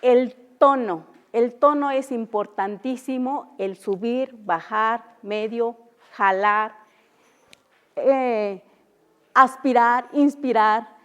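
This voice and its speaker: Her pitch fairly high, a young woman from Oaxaca, Mexico, teaches her native Mixtec in an unscripted class held in a university auditorium. She speaks haltingly with lots of fillers and says the example sounds more than once.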